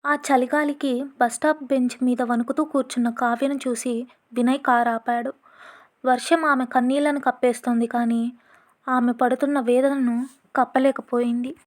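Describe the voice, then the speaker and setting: A woman narrating a dramatic audio story in a steady, scripted reading. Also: high-pitched, moderate pace.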